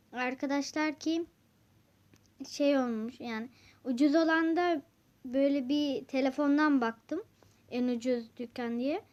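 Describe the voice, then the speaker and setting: Chatty high-voiced woman vlogger. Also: a little mellow. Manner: chatty, addresses viewers directly. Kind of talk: casual game-play narration. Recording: dull lo-fi recording.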